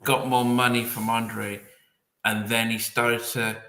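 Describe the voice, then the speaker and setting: A man hosting a podcast, calmly recounting what others told him in casual chat. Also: medium pitch, measured pace, reverberant. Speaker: podcast host.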